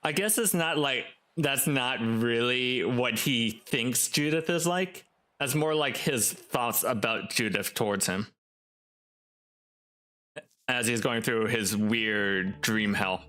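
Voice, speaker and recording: A man's voice: mid-range voice, slow, sharp tone. A man streaming a story game, musing aloud with hesitant, filler-heavy commentary.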